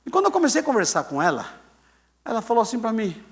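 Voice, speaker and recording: A man's voice: extremely high pitch, fast. A man in his sixties, a pastor telling a story in a sermon, acting out the voices of the people in it. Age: 60s. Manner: animated storyteller, acts out quoted voices.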